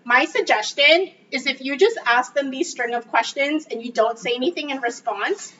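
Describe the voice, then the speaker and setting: A woman's voice: sits high, moderate pace, sharp tone. A woman trainer giving an upbeat, casual coaching talk to a group in a meeting room. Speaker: real estate trainer. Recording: distant, dull mic with faint noise.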